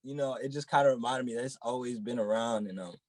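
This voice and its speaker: A young man from the Boston area, a rapper in a relaxed interview, who keeps filling his talk with "you know what I'm saying.". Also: medium pitch, fast, no room sound. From Boston area, United States. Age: young adult. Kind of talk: casual interview chat.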